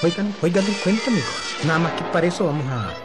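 A man's voice: on the high side, expressive, fast, loud music behind the voice. Folksy male radio storyteller. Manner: chatty, addresses a listener directly. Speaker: narrator.

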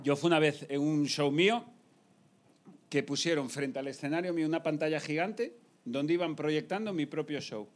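A man's voice: on the high side, normal speed. A man, a comedian guest teasing his host with mock-serious asides in front of an audience. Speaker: comedian guest, owns the streaming channel. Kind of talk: comedy banter with a live audience.

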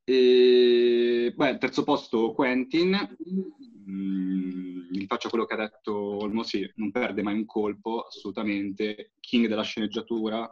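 A man's voice: lowish voice, steady tone, unhurried. A young man chatting casually about films, enthusiastic and opinionated, with frequent hesitant fillers. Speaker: podcast co-host. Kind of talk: casual film chat. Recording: dull lo-fi audio.

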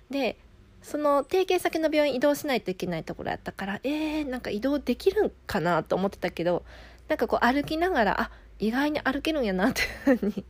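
A woman's voice: a little high, dry recording. A woman with a Kansai accent, a midwife casually telling her own birth story and acting out her inner thoughts. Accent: Kansai Japanese.

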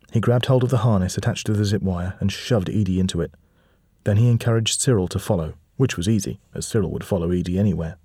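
Guy reading a kids story, mellow low voice, dry. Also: slightly rough, no echo. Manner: steady, lively reading with voices. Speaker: narrator.

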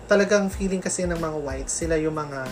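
Filipina woman chatting, lowish voice, laughs a lot, music going behind. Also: a little fast. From Philippines. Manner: chatty, laughs often, mixes English into Tagalog. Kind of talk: casual chat.

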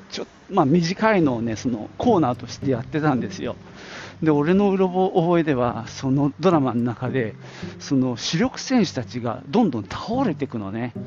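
This middle-aged Nagoya-area man, a podcast host talking solo, has a voice on the high side with a darkish tone. He reminisces casually, rambling informally with small asides. The audio is dull and carries a little hiss or hum.

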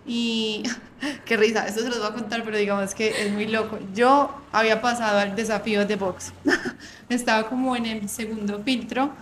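Animated woman hosting a podcast. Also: fairly high pitch, normal speed. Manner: animated storytelling, laughs often. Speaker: podcast host. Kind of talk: casual podcast chat. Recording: echoey room, faint background noise.

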